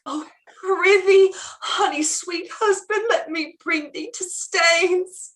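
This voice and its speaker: A woman's voice: extremely high pitch, slow, a bit bright, exaggerated voice. A woman playing a garrulous, tender, earthy tavern wife in a theatrical, rambling Shakespearean stage style. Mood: mournful, tender.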